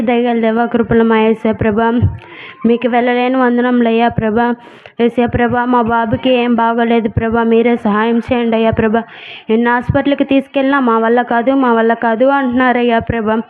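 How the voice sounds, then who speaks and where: A woman's voice: fairly high pitch, little pitch movement, a little fast, clean tone, close to an everyday voice. A woman playing a worried mother who prays tearfully for her sick son in a church skit. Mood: praying. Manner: pleading, tearful repetitions. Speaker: church member. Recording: tinny phone-like sound.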